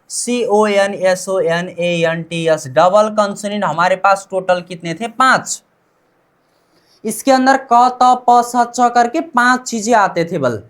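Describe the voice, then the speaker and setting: A woman teaching a language lesson, patiently repeating words and asking questions she then answers herself. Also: on the high side. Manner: asks the class questions and answers them.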